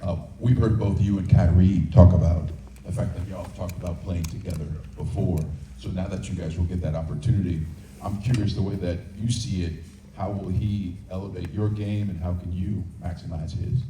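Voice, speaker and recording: A man's voice: deep voice, fairly even intonation, normal speed. A man working as a TV sports reporter, putting questions to a player at a press conference. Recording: echoey room, distant mic, faint noise.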